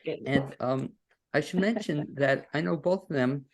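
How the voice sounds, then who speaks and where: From his home studio on a video call, a man hosts an interview podcast in a folksy, rambling style full of fillers and restarts. His voice is on the high side and moves at normal speed.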